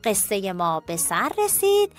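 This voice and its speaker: A woman narrating a children's cartoon story in a lively, expressive way, speaking straight to the children. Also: medium pitch, soft background music.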